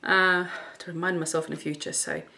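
A middle-aged Italian woman, a native Italian speaker, practises and teaches singing in her living room, thinking aloud informally and self-critically as she demonstrates vocal study. Her low-sitting voice is very animated, fairly quick, pushed and bright.

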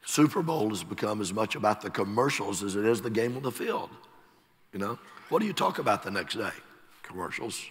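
A middle-aged man with a Texas accent, preaching a sermon slowly and emphatically, letting his phrases fall away softly at the ends. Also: on the low side, big pitch swings. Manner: slow, emphatic preaching with soft trailing endings. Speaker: pastor. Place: large church sanctuary. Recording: long church hall reverb.

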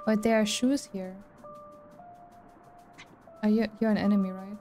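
A woman streamer chats casually with her viewers while playing a game, with game music behind her. Her voice is mid-range, warm and level, and she keeps a measured pace as she talks to chat.

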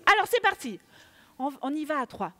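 A woman hosts a children's award ceremony from the stage of a large auditorium. Her voice is high and lively, and she plays with the crowd and coaxes them to join in. The hall rings with reverb around her. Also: moderate pace, soft background music. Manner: animated, playful, coaxes the audience. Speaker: ceremony host. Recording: echoey hall with audience.

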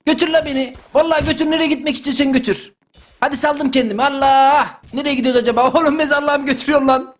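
A young man doing a comic dub over gameplay, excitable and yelling in slang. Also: very high voice, fast talker. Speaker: gaming YouTuber.

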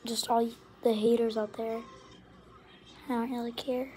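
A woman's voice: on the high side, flat delivery, normal speed, darkish tone, slight background noise. A teenage girl or young woman vlogging to camera in a whiny, dramatic way, sometimes dropping to a whisper. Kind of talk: casual vlog talk to camera.

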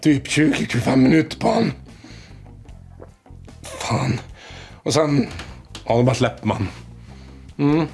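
A man's voice: medium pitch, creaky, long pauses, darkish tone, faint music behind, lightly acted. A man playing a boastful, petty small-town wannabe rock singer who rambles and swears constantly, speaking with a small-town Swedish accent. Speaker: comedic character, aspiring songwriter. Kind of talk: mockumentary comedy monologue to camera.

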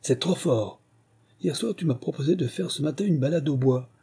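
A male narrator voices an impatient young man who scolds and grumbles with indignation. His tone is mellow and a little husky, with a huffy edge. A storybook brother who is easily put out. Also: mid-range voice, a little fast. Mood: indignant.

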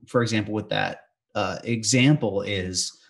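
A man's voice: on the low side, a little slow, vocal fry. A man in a casual podcast conversation, explaining training lessons in an emphatic, teacherly way.

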